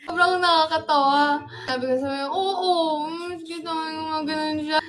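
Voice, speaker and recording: A woman's voice: high-pitched, steady tone, moderate pace. A young woman casually retelling a story on a livestream, acting out quotes and laughing often.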